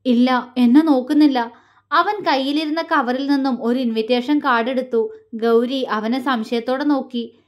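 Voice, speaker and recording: A woman storyteller reading a romantic audio story in a steady, expressive way. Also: high-pitched, normal speed. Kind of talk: scripted romantic story narration.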